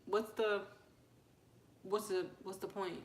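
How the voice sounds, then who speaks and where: Flat and slow, at medium pitch, a woman hosts a casual livestream in a reverberant room. She keeps things chatty, reads comments, asks viewers questions and shouts out newcomers.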